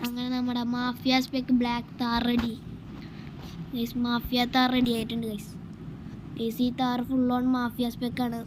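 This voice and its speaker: High-pitched Malayali woman gamer, English mixed in, noisy. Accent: Malayali (Kerala). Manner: addresses viewers repeatedly, repeats phrases. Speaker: gaming YouTuber. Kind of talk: casual game commentary.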